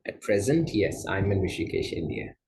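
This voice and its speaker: A man from Malaysia, a yoga teacher, answering interview questions in a gentle, unhurried way with soft fillers. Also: deep voice, sing-song, vocal fry, low-quality recording. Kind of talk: casual interview conversation.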